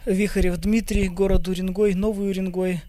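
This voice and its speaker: 40s guy, presbyter, really high flat voice. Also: normal speed, slight background noise. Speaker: church presbyter. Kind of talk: brief self-introduction at a church gathering.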